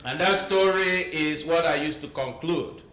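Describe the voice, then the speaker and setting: A young man from Nigeria with a Nigerian accent, telling a story in an animated way at a retreat talk. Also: a little high, normal speed, noisy background. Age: young adult. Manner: animated, laughs while telling. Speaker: speaker at a retreat. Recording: echoey room.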